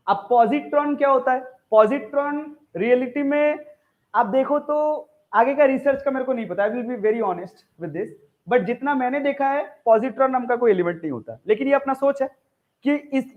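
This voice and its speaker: A male teacher giving a live physics lecture to a classroom in a chatty, joking way, often quizzing his students. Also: very high-pitched. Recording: tinny phone-like sound.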